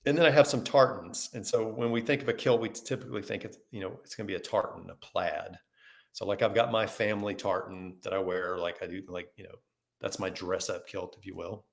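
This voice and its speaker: A man co-hosting a podcast, telling stories in a casual, animated way and acting out the people he quotes. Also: fairly low pitch, fairly quick, vocal fry. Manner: animated storyteller, acts out quoted dialogue. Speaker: podcast co-host. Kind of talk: casual conversation, storytelling.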